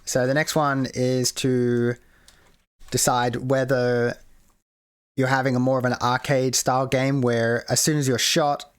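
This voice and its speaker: A man's voice: medium pitch, no echo, clean studio sound. A man hosting a casual screen-share tutorial on building a game mode, rambling with many fillers and restarts. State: hiccuping. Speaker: game modding tutorial host.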